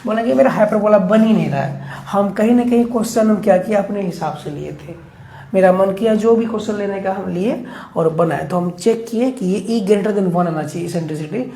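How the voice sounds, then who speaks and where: Gravelly maths teacher in echoey room. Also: male voice, high voice, a little fast, warm tone. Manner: chatty, keeps checking in with students. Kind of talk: board lesson explaining steps. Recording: echoey room, faint background noise.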